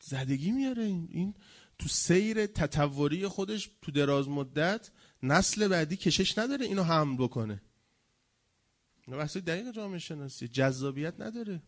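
Male religious lecturer, slightly high voice, animated and sarcastic, swings from loud to hushed. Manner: animated, mocking impressions, swings between loud and quiet.

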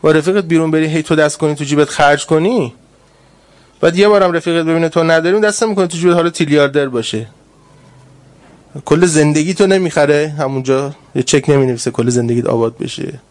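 A man preaching a sermon, telling stories in an animated way and swinging between loud and hushed delivery. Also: fairly high pitch. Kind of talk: sermon with storytelling.

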